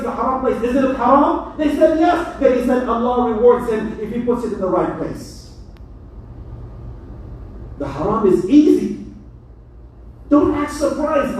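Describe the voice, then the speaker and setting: A man preaches to his mosque congregation, an imam with a lively, joking manner. His voice sits high. The sound comes from a distance in a very echoey hall. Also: a little hiss or hum. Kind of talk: mosque sermon. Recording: echoey hall, mic from far.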